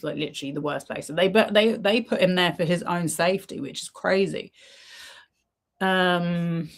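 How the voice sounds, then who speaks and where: A woman streamer giving casual reaction commentary, chatty and full of ums as she retells events. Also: lowish voice. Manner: chatty, many ums, retells with quoted lines.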